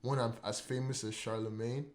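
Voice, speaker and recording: Rambling podcast host in a roomy space. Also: male voice, medium pitch, steady tone, normal speed, slight background noise. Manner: rambling, full of "like" and repeated words. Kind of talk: casual chat. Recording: roomy echo.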